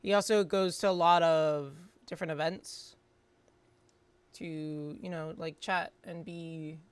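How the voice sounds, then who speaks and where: A woman's voice: deep voice, steady tone, slow, clean tone, dry recording. A woman hosting a game stream in a casual, rambling, conversational way. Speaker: streamer hosting a morning show. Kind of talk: casual gaming stream commentary, reading game dialogue aloud. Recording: music playing behind the voice. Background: background music.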